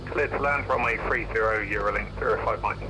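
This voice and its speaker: A man reading back a clearance as a pilot over a cockpit headset radio, clipped and procedural. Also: on the low side, brisk, background noise. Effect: pilot radio transmission through cockpit headset.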